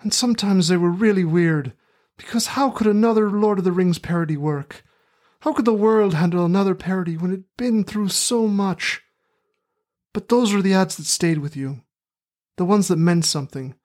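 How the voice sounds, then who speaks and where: A man's voice: sits high, moderate pace, darkish tone, natural voice. Rustic English Midlands working man, acted by a male podcaster, earnest and sentimental, parody of a heroic film speech. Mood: earnest, wistful. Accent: put-on rustic English Midlands.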